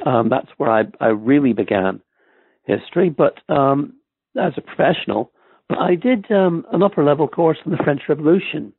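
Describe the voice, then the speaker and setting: A man's voice: mid-range voice, husky, no room sound. A man with an Irish accent, a historian being interviewed on a podcast, who talks in a hesitant way with many ums and restarts. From Ireland. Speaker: guest historian. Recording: tinny phone-like line.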